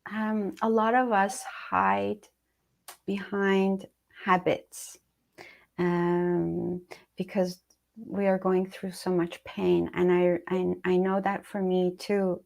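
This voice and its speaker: Woman host on a live video talk show, talks slow, raspy fry in her voice, lots of ums. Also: on the low side. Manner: warm and encouraging, with many fillers.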